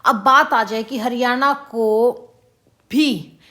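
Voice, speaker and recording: A woman teacher giving an exam-prep lesson, repeating each question slowly and drilling the answers for her students. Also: fairly high pitch, pushed and bright. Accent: Haryanvi-tinged Hindi. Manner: addresses students as beta.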